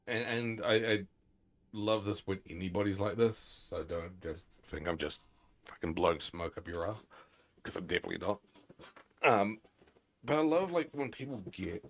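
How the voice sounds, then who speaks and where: A male streamer with a very deep voice rambles along with his game, swearing freely and poking fun at himself. His talk is casual and loose, full of fillers and restarts. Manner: rambling, profane, self-mocking. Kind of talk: casual live-stream commentary.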